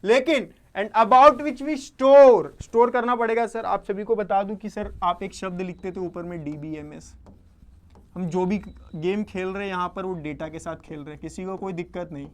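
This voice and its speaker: A man's voice: high-pitched, steady tone, normal speed. A man teaching an online exam-prep lecture. He keeps asking and answering his own questions, checks in with the class often, and mixes Hindi with English definitions he reads aloud.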